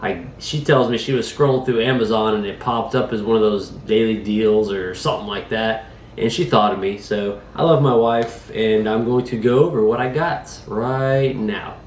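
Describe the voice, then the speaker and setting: This drone review host, still shaking off a cold, keeps things casual and homespun at his kitchen table, with many fillers. He speaks at a moderate pace in a lowish voice. The audio sounds roomy with slight background noise.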